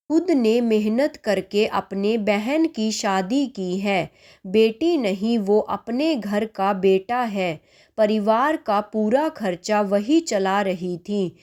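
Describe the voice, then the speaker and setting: A woman voicing a calm, patient middle-aged husband who talks soothingly and reassuringly in a storybook tale. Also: mid-range voice, natural voice.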